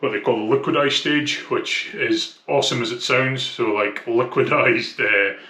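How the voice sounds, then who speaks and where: A Scottish man with a thick accent talks casually and candidly in a personal vlog, his phrasing hesitant and conversational. His mid-range voice is steady, pushed and bright, at a moderate pace, recorded in an echoey room.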